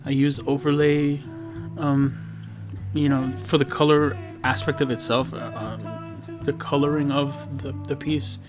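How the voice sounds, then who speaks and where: A man's voice: medium pitch, flat delivery, measured pace. A man rambling casually through a voice-over about his painting, full of fillers and restarts and poking fun at himself. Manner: rambling, filler-heavy, self-deprecating. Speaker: digital painter and video host. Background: background guitar music.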